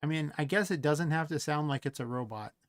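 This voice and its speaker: A man's voice: a little high, brisk, no room sound, studio quality. A tired man, an indie game developer, thinking aloud and rambling to himself as he works through the night. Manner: rambling, talks to himself, trails off. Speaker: indie game developer streaming his work. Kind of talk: thinking aloud while working.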